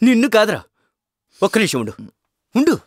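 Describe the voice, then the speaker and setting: A man's voice: high voice, wildly swooping pitch, a little fast, breathy edge, dry recording, studio quality, heavily acted. A man playing a pompous scolding director. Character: pompous bossy male film director, middle-aged. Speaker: film director. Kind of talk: comedy short film acting. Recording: music playing behind.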